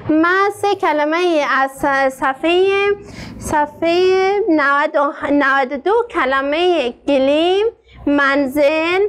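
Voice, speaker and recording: A woman teacher with an Afghan Dari accent, slowly sounding out words for her pupils and then quickly asking them questions. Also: sits high. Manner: slow syllable-by-syllable drilling, quick questions to pupils. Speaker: literacy teacher. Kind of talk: classroom lesson.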